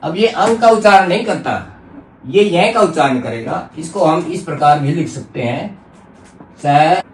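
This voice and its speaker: A man teaching a Hindi grammar lesson, speaking deliberately and repeating example words to show how they are pronounced. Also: fairly high pitch, expressive. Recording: echoey room, distant mic, faint noise.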